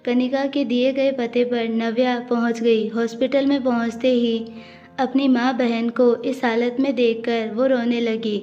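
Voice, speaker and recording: A woman narrating an audiobook story in a steady, even reading. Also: fairly high pitch, a little slow. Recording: dull audio with faint music.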